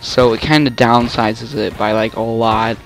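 A man's voice: medium pitch, fairly even intonation, a little slow, soft background music. A young man giving casual, rambling commentary while playing a video game, often stopping mid-sentence to react. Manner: rambling, self-interrupting, easily exasperated. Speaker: gamer.

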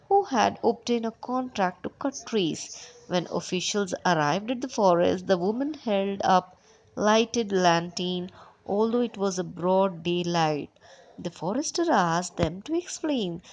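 Young woman teacher, explains a school lesson in short bits, mid-pitched voice. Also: poor audio. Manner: reads and explains in short phrases.

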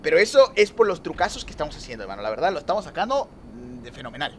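A young man giving lively gameplay commentary, talking to viewers and teasing rivals. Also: on the high side, rapid-fire, slight background noise. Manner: excitable, talks to viewers and rivals, trash-talks. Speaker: gaming youtuber.

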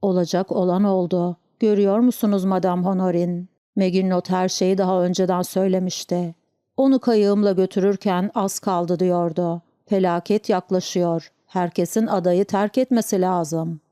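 A woman's voice: lowish voice, fairly even intonation, normal speed, warm tone, smooth, dry recording, studio quality, lightly acted. A woman voicing a frightened, superstitious sailor from an island, speaking in an anxious, stammering way. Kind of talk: audiobook character reading.

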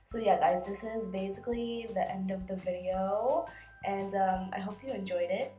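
With a mellow, medium-pitched voice at a moderate pace, a sick twenty-something beauty vlogger narrates her makeup routine to a camera right in front of her. It's chatty and filler-laden, step by step, recorded in an echoey small bedroom with faint music.

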